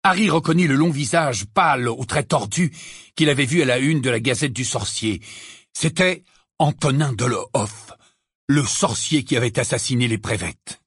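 Husky male audiobook narrator. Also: mid-range voice, moderate pace, no room sound, studio quality. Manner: dramatic expressive reading. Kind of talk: audiobook reading.

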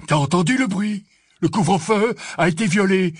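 A man putting on an officious dark-wizard guard who threatens and cites the rules, his voice raised a little higher than plain speech. The sound is dry. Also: moderate pace, dry recording.

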